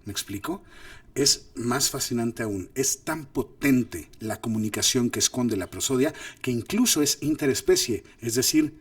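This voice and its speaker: A middle-aged man gives a relaxed acting masterclass, his pitch sitting in an ordinary middle range. He jumps into playful acted-out examples as he explains. He sits a little back from the mic in a dry room. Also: moderate pace, no room sound. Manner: animated, demonstrates lines with exaggerated voices. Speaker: host and filmmaker teaching acting. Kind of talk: casual masterclass talk. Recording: distant mic, dry sound.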